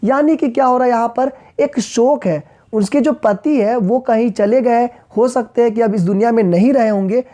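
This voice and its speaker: A woman teaches an online grammar lesson in a fairly high, mellow voice. She explains things patiently and speaks straight to her viewers, reading the verse lines out slowly.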